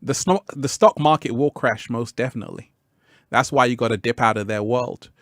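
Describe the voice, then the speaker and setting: A male livestream host with a mid-range voice talks briskly, chatting with viewers and reading out their comments in a laid-back style. He laughs a lot and repeats his phrases, and the recording is dry and of studio quality.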